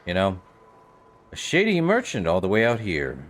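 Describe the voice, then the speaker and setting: A man's voice: sits low, huge pitch swings, normal speed. A man doing casual let's-play commentary, offhandedly reacting and muttering to himself as he plays. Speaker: game streamer.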